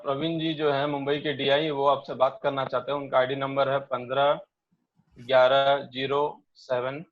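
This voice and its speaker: A man's voice: mid-range voice, little pitch movement, normal speed. Polite male staffer raising detailed complaints, muffled call audio. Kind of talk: questions on a meeting call.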